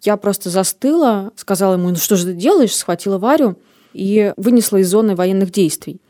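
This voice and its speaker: A woman's voice: mid-range voice, fairly quick, warm tone, no echo, clean studio sound. A woman in her thirties, a podcast host telling stories in casual chat. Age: 30s. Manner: reflective, storytelling.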